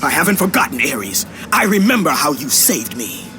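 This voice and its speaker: Game antihero: vengeful Greek warrior, intense and declamatory, tormented, over a musical score. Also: male voice, fairly high pitch, sing-song, moderate pace. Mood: defiant. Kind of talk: video game dramatic acting. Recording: music under the voice.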